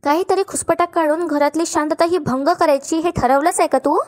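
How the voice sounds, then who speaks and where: A firm, level-headed elder daughter-in-law, read by a woman in a high voice. She admonishes steadily and does not back down. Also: steady tone, brisk, a little mellow, close to an everyday voice.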